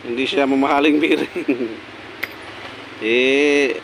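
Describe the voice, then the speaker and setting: A man's voice: medium pitch, steady tone, slow, a bit bright, slight background noise, poor audio. A repair technician talking casually through fixing a pressure washer pump at his workbench, pointing out parts in short remarks. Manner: talks while working, many short pointing remarks. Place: workshop bench.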